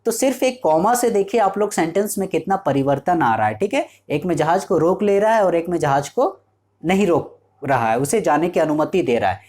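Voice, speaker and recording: A man's voice: high voice, very animated, a little fast, darkish tone. A male teacher giving a lecture. He explains each point step by step and keeps checking in with his students. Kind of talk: classroom lecture.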